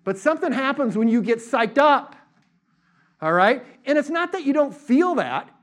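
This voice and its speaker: A middle-aged male pastor preaching a sermon in a lively, conversational way, mixing casual asides with fervent declarations. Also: extremely high pitch, normal speed. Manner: animated preaching, acts out voices in quotes.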